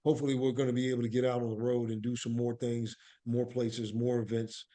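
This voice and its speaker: An American man, an actor and playwright, appears as an interview guest and tells stories in an animated, emphatic conversational style. He talks fast in a mid-range voice and often checks that the listener is following.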